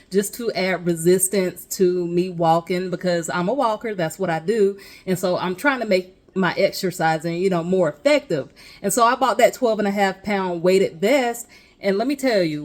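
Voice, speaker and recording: A woman with a lilt chats casually to her camera. She talks her viewers through things in an encouraging, emphatic way, with plenty of asides. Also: medium pitch. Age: adult with a child. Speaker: vlogger.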